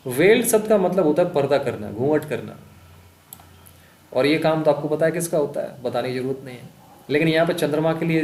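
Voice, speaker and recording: Echoey Hindi-speaking English teacher. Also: male voice, medium pitch, darkish tone. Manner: explains in Hindi, reads English examples slowly; asks and answers his own questions. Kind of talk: exam-prep lesson.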